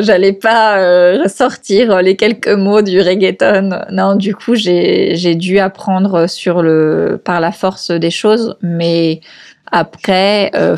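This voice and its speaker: A woman's voice: fairly low pitch, creaky, darkish tone. A woman guest talking casually about learning a language, chatty, with many fillers and restarts and easy laughter. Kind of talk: casual conversational interview.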